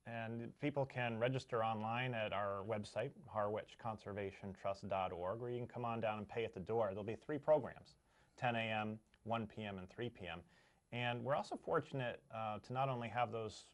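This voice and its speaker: A man speaking as a guest, promoting a local event conversationally with a halting delivery. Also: fairly low pitch. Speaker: guest from a local conservation group.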